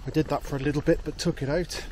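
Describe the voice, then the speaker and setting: A man in his forties, a camping vlogger, talking to a handheld camera in a laid-back, low-key way in a field. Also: fairly even intonation, fast, darkish tone, a little hiss or hum. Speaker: outdoor vlogger. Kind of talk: casual solo camping vlog. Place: tarp shelter in a field at night, then walking outdoors. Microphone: handheld camera close up.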